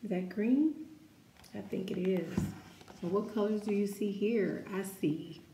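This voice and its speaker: In a roomy, slightly noisy space, a woman with a mid-range voice and vocal fry reads a picture book for children. Her delivery is deliberate and expressive, sprinkled with casual asides and questions aimed at the kids.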